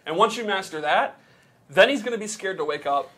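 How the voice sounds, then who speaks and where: A man with a somewhat high voice explains game mechanics in a relaxed, conversational way. He walks through each rule patiently, backing it up with example after example. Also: a little fast, breathy edge. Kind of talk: casual technical explanation.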